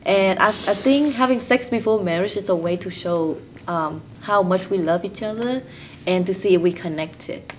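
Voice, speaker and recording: A woman's voice: mid-range voice, moderate pace, a little hiss or hum. Young woman. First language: Vietnamese. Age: young adult. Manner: simple, plain phrasing in a second language. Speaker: interviewee. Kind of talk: casual interview answers.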